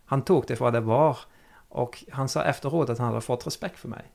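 A man's voice: medium pitch, creaky, a little mellow. A man in casual chat, talking hesitantly, repeating words and searching for the right phrasing.

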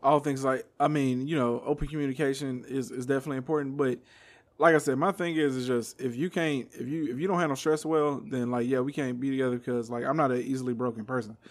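Fast-talking, blunt man on a casual podcast. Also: mid-range voice, fairly even intonation. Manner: blunt, profane, slangy. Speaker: podcast co-host and manager. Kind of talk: casual banter-filled podcast chat.

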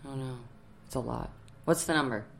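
A woman's voice: extremely low pitch, gravelly, a little hiss or hum. Playful woman co-hosting a casual podcast. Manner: playful, quick short replies. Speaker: podcast co-host. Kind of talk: casual chat.

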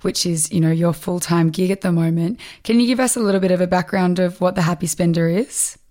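A woman's voice: fairly low pitch, fairly quick, warm tone. A woman co-hosting a podcast in casual chat, her voice nasal from a sore throat. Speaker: podcast co-host.

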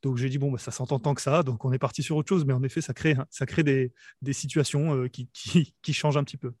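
Casting: quick, hesitant male reporter from southern France, dry close sound. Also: mid-range voice, steady tone, a little mellow, no echo. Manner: hesitant, many fillers and restarts. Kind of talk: casual podcast chat.

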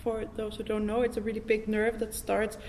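In a noisy, reverberant hall, a woman interviewer hosts a casual podcast conversation, reflecting and thinking aloud with informal enthusiasm. Her mid-range voice is monotone and a little mellow, moving a little fast.

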